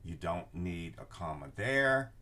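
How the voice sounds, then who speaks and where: An older man, a research class instructor, gives an informal screen-share tutorial from an indoor room lined with bookshelves, shown in a video inset. His voice sits low but sounds pushed and bright, animated, and a little slow. He explains things and often checks that listeners are following.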